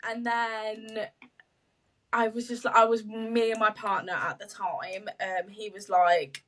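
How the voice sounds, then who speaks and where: A young British woman talks in a chatty, animated way, full of fillers and quick laughs. Her pitch sits mid-range for a woman. She is set a little back from the microphone, so her voice sounds slightly distant. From United Kingdom. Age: young adult. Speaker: guest, social media marketer. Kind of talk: casual podcast chat.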